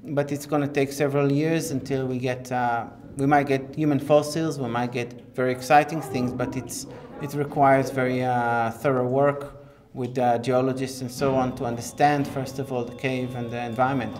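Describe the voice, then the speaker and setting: A middle-aged man, an archaeologist, explains his field project in an interview inside a cave, pausing often mid-sentence. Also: mid-range voice, level tone, darkish tone. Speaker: archaeologist leading the excavation project. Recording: cave interview with faint background noise.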